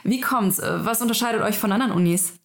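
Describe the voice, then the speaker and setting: Female interview host, mid-pitched, talking conversationally with a guest. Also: fast talker. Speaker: podcast interviewer.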